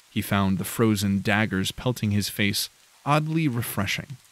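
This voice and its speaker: Low-voiced man narrating a dark tale. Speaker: audiobook narrator. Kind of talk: scripted narration of a dark fantasy audiobook.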